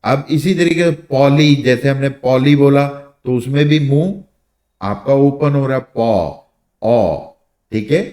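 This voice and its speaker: A man teaching English vowel sounds in a slow, patient way, drawing out each example word. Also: mid-range voice, darkish tone. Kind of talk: spoken lesson.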